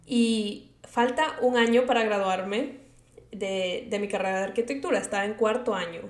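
A woman's voice: medium pitch, moderate pace. Chatty Ecuadorian woman in an echoey room. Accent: Ecuadorian Spanish. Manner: chatty, rambling, mixes in English words. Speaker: podcast host. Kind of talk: casual personal podcast monologue.

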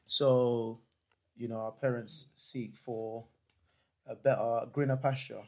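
A young man from Nigeria, chatting casually on a podcast in a lively way, peppered with slang. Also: medium pitch, slow pace. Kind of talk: casual chat.

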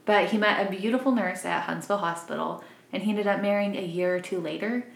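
A woman's voice: mid-range voice, quick pace, creaky. A woman in her twenties from Arkansas, co-hosting a true crime podcast in casual, chatty talk and laughing easily. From Arkansas, grew up in Missouri. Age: 20s. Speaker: podcast co-host. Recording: roomy echo.

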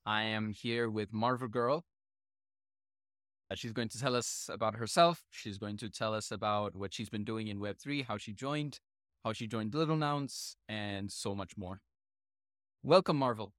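A man's voice: on the low side, unhurried, fairly bright tone, no echo, studio quality. A man hosting a casual podcast interview, opening the show and prompting his guest with brief, friendly questions and encouraging murmurs. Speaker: podcast host.

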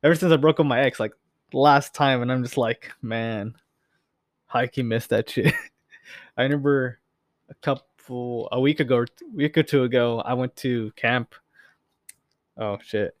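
A man's voice: mid-range voice, fairly even intonation, normal speed, pauses often, no room sound, clean studio sound. A young man hosting a podcast, chatting loosely with lots of fillers and swearing. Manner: loose, profane, filler-heavy rambling. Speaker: podcast host. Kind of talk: casual chat.

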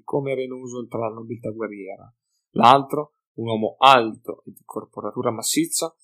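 A man reading a fantasy audiobook in measured, even narration. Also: medium pitch.

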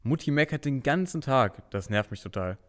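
A man's voice: medium pitch, lively intonation, normal speed, a bit bright, close to an everyday voice. A man playing a grumpy sulky little boy. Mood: fed up. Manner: grumbling, sulky, constantly complaining. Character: grumpy complaining young boy, little brother. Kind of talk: children's audio drama acting.

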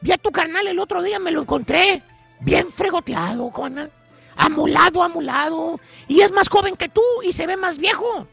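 Mexican male radio comic, very high and gravelly, animated drawling storyteller. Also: normal speed, faint music behind. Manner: animated, drawling, calls his partner caballo. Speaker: radio show host.

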